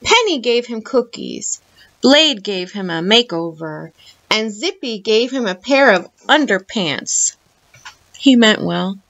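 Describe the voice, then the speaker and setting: A woman reading a picture book aloud for library storytime, with an expressive, lively delivery, heard through muffled lo-fi audio. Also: mid-range voice, slow.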